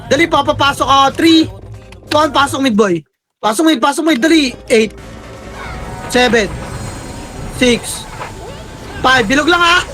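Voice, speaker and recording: A young man with a hoarse, cracking voice shouting quick commands and countdowns to his team during a live game, swearing often. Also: very high-pitched. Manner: barks rapid commands and countdowns, swears a lot. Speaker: team shot-caller.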